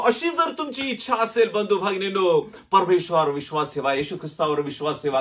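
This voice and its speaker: High-voiced Marathi pastor preaching dramatically. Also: male voice. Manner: dramatic preaching with sudden drops to a low, quiet voice. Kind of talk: sermon.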